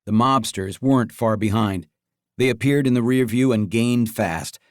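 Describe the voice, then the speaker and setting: A man narrates an audiobook from a script, telling the story in a steady, measured way. His voice is medium-pitched, and the recording is dry and studio quality.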